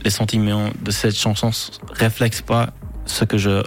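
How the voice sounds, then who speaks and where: A calm man giving a casual interview in halting French, slipping in words. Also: fairly low pitch. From Switzerland or Britain. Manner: hesitant, halting French with English words mixed in. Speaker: pop singer, interview guest.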